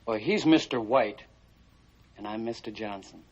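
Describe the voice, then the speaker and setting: An actor playing a polite, smooth-talking lodger in a film drama, with an American accent and an ingratiating manner. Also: male voice, lowish voice, measured pace, a little mellow, natural voice. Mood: polite, reassuring. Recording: dull film sound, clear background noise.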